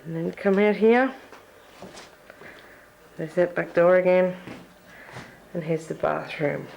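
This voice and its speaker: Brief: Australian woman, unhurried, chatty, home-camcorder walkthrough of the house she grew up in. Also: lowish voice, gravelly, darkish tone, lo-fi sound, slight background noise. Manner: reminiscing, chatty narration while walking. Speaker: family member giving a home tour. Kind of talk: casual home-video walkthrough. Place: family house and backyard. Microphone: camcorder microphone.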